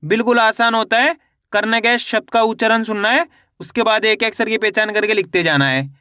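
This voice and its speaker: A man teaching reading, slowly sounding out syllables and repeating each word in a question-and-answer drill. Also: high-pitched, bright, forceful tone, clean tone, no echo, studio quality. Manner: addresses viewers as friends. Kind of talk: step-by-step spelling lesson.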